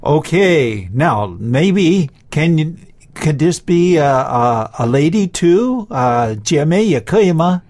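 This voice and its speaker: A woman with a low voice teaches a language lesson for children. She speaks very slowly and deliberately, spacing out phrases and checking that listeners follow along. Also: lively intonation, darkish tone. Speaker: English teacher on a children's show. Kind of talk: slow language lesson, switching between English and Mandarin.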